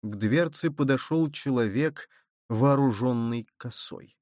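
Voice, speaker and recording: A man's voice: medium pitch, no echo, studio quality. Man narrating an audiobook. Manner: steady, measured storytelling. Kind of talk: scripted narration.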